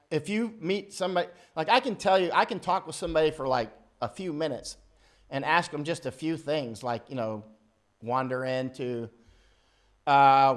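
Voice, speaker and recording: American guy rambling on a livestream, reads comments out, slightly high voice, keeps restarting. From United States. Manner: rambling, restarts often, gets loud and heated. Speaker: livestream host reading viewer comments. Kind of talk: casual livestream talk.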